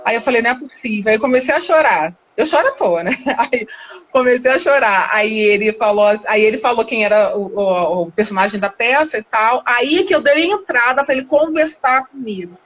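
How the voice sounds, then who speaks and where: A Brazilian woman with a high voice tells a personal story in casual, lively speech, laughing and putting on the voices of the people in it. The sound is muffled and lo-fi, like a live stream. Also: a little fast. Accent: Brazilian Portuguese. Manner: animated, laughs often, acts out dialogue. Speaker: guest telling her story. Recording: dull lo-fi live stream audio.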